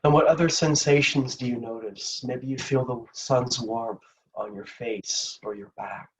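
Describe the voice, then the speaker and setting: A man with a medium-pitched, steady voice leads a soothing guided meditation, slow and gentle, with long gaps between phrases. The audio is poor, captured from a distance.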